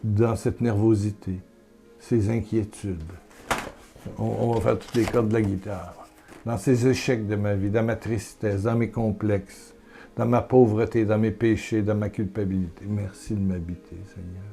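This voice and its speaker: A man preaching and praying aloud, fervent and repetitive, with breathy exclamations. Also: on the low side, steady tone, moderate pace, dark tone, faint music behind. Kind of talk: prayerful preaching.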